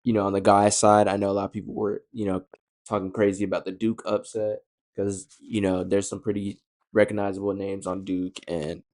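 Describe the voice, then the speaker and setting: A man's voice: fairly low pitch, little pitch movement, a little fast, darkish tone. A young man co-hosting a podcast in a laid-back, agreeable casual chat. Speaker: podcast co-host.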